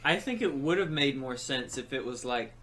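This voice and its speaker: A man's voice: mid-range voice, lively intonation, moderate pace, bright, forceful tone. A man co-hosting a casual movie reaction, asking quizzical questions and cracking jokes. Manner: quizzical, joking. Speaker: reaction video co-host.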